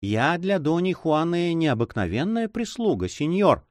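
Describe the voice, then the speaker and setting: A man voicing an old female duenna who sighs, grumbles and fusses in a high voice. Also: sing-song, a little slow, dry recording, clean studio sound. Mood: grumbling. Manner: sighing, fussy, grumbling.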